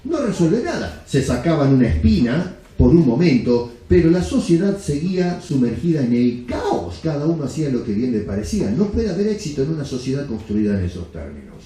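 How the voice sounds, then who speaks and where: A man's voice: mid-range voice, very animated, brisk, few pauses, dark tone. A man preaching a blunt, emphatic sermon with rhetorical questions. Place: church sanctuary. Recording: very echoey church hall.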